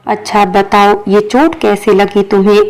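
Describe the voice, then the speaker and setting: A woman's voice: medium pitch, steady tone, a little slow, natural voice. A woman reading as a pleading apologetic boss. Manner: pleading, gentle. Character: apologetic male office boss. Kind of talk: storybook dialogue reading.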